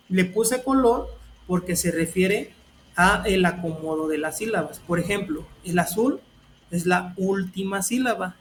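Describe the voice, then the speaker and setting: Male teacher, high voice, patient lesson delivery. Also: a little hiss or hum. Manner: patient, step-by-step explaining. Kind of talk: explaining a grammar lesson.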